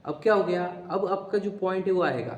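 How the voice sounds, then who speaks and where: A philosophy teacher with a high, fairly quick voice runs an interactive class on religious philosophy. He keeps questioning his students and checking again and again that they follow, his words echoing around the hall.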